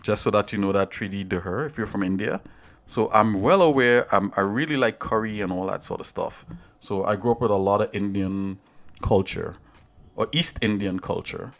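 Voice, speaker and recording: A man's voice: fairly low pitch, moderate pace. Man, livestream host, casual tutorial, rambling, chatty. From Trinidad and Tobago. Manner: rambling, chatty, talks straight to viewers.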